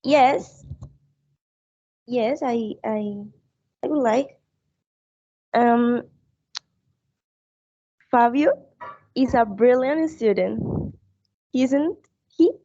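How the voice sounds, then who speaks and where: A young woman practices English in a lesson, pausing often as she hunts for each word. Her voice is soft and mellow with a slow, careful pace. The sound is dry and a little muffled, like an online class. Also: on the high side, dry recording. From Colombia. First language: Spanish. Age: 20s. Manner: slow, hesitant, searching for words. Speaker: language student.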